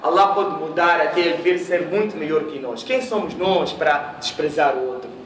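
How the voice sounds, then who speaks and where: High-voiced preacher in an echoey mosque hall. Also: male voice, moderate pace, fairly bright tone, slight background noise. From Mozambique. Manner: storytelling with quoted voices, questions to the audience. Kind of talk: sermon. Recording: echoey room, voice from a distance.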